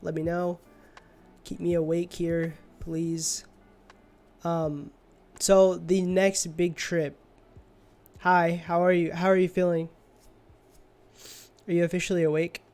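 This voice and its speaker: A man's voice: high-pitched, flat delivery, takes it slowly, long pauses, darkish tone. A young man chatting casually on a livestream, drowsy and rambling, often trailing off mid-thought. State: sleepy. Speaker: streamer. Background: faint music.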